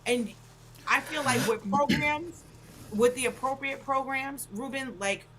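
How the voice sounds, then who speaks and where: A woman's voice: high voice, measured pace, crowd noise, low-quality recording. A woman hosting a casual panel discussion, talking in a blunt, emphatic way and swearing freely.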